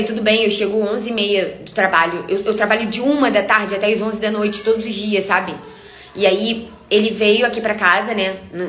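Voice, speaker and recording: A young woman with a Brazilian accent tells a personal story in a casual vlog, sounding angry and emphatic and repeating herself often. Her voice is mid-range and fairly bright, recorded in an echoey room.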